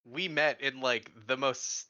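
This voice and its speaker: A man with a very bright, sharp tone who speaks in a laid-back, wry way, padding his lines with fillers. He plays in a tabletop game and chats casually between turns. His voice comes through a dull, lo-fi mic. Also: mid-range voice, fairly even intonation, takes it slowly.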